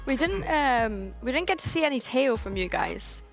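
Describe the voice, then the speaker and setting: A woman with a Scottish accent co-hosts a relaxed post-match chat. Her voice sits fairly high and her manner is light and chatty. Faint music runs underneath. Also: moderate pace, vocal fry. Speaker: co-host. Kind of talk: casual post-match interview.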